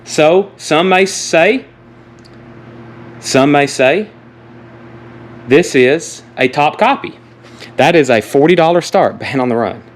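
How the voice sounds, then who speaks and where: A man's voice: fairly high pitch, expressive, takes it slowly, pauses often. Male auctioneer selling live, noisy background. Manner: auctioneer-style calling of bids and prices. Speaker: host of live online record auction. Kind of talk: casual live sales talk with list reading. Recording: noticeable background noise, live stream.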